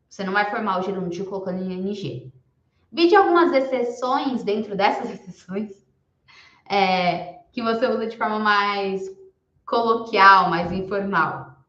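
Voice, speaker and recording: Woman teacher explaining a recorded class step by step, slow on the examples, echoey lo-fi sound. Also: medium pitch, fairly bright tone. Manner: explains patiently, slows down for example words. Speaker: English teacher. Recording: echoey room, dull lo-fi sound.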